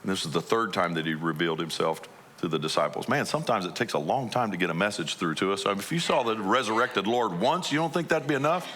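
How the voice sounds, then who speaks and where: A man's voice: on the low side, lively intonation, fast talker, hardly any pauses, fairly bright tone. A man preaching a conversational sermon as a pastor, asking his listeners many questions.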